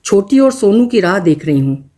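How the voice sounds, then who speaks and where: A young woman with a dry, bitter sarcasm, read by a woman storyteller in a storybook reading. She answers flatly, with a mocking edge. The voice stays at a middle pitch. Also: moderate pace, lightly acted. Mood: sarcastic.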